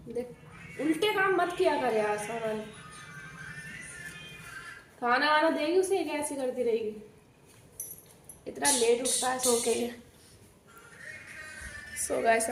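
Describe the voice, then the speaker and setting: A young woman chatting casually to her viewers as a vlogger. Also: a little high. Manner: chatty, addresses viewers directly. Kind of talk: casual vlog chat.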